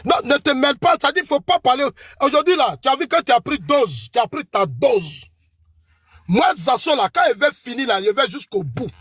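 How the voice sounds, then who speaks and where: A man with an Ivorian French accent argues hotly in a political debate, calling out his opponent again and again and preaching warnings about God's judgment. His voice sits very high for a man and sounds husky, and the recording is dry and close. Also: big pitch swings, normal speed, a bit bright, dry recording. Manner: accusatory, repeatedly calling out his opponent by name; preachy warnings invoking God.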